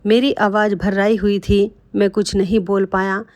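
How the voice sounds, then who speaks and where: A woman narrates a dramatic first-person story in an emotional storytelling manner. She speaks directly to her listeners, at an everyday medium pitch. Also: flat delivery, moderate pace, a little mellow. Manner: emotional, addresses listeners as friends.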